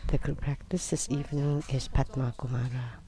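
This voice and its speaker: A man's voice: mid-range voice, level tone, normal speed, dark tone. A man relays the speakers into English as a live interpreter. His phrases are short and plain, with a mid-range voice.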